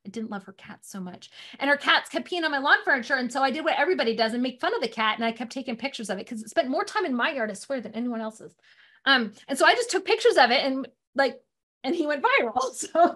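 A middle-aged woman teaching a live online marketing class, chatty and quick to laugh at herself. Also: sits high, a bit bright.

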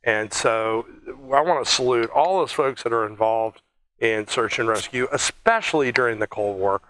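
A man's voice: mid-range voice, moderate pace, fairly bright tone, rough recording. A man hosting an air museum video in a chatty, joking, rambling way, with restarts. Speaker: museum host. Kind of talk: casual one-take video talk.

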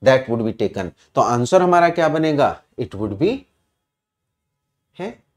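A man's voice: medium pitch, very animated, extremely slow. A man with an Indian English accent teaching an online exam-prep English class, explaining answers step by step and quizzing his students.

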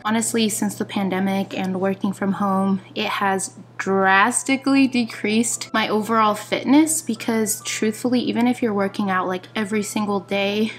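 A young adult woman talks to her camera at home in a casual, candid way. Her voice sits at a middle pitch. She is conversational and a little self-deprecating, like a personal vlog recorded in a kitchen. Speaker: vlogger. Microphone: camera at about arm's length.

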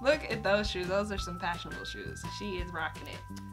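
A young woman hosting an art vlog, chatting casually and gushing excitedly with lots of exclamations. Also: lowish voice, brisk, music in the background. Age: young adult. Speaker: art channel host.

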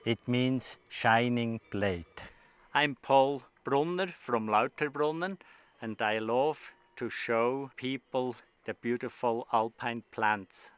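An older man who keeps an alpine garden, explaining plants slowly and gently outdoors on a mountain meadow. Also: mid-range voice, clean tone, no room sound. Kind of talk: casual chat.

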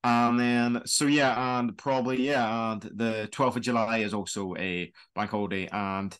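Young man, Donegal Irish accent, casual interview guest, hesitant, rambling, mid-pitched voice. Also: steady tone, a little slow, fairly bright tone, smooth. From Donegal, Republic of Ireland. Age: young adult. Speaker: student guide, interview guest. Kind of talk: casual chat. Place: small plain room indoors. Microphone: webcam video call.

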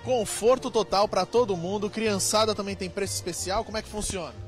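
High-pitched Brazilian male live reporter. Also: steady tone, fairly quick. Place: large circus tent. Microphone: handheld microphone. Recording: music playing behind.

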